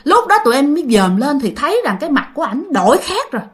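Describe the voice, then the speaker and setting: A woman's voice: high voice, big pitch swings, quick pace. A woman telling a ghost story casually and animatedly, repeating words for effect and talking straight to her listeners.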